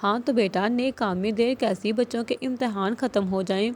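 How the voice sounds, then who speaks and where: A woman's voice: on the high side, close to an everyday voice. A woman reading a cheerful elderly grandmother. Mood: pleased. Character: elderly grandmother, warm and pleased.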